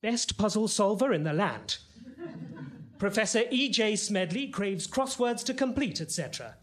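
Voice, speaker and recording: A man's voice: high voice, expressive, moderate pace. A man voicing a vain, pompous doctor sidekick in a comedy audio drama, boastful about himself.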